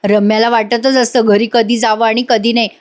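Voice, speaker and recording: A woman's voice: on the high side, little pitch movement, normal speed. A woman giving a casual voice-over recap of a TV serial episode, chatting with her listeners. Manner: chatty, often addresses listeners directly. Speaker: TV serial reviewer.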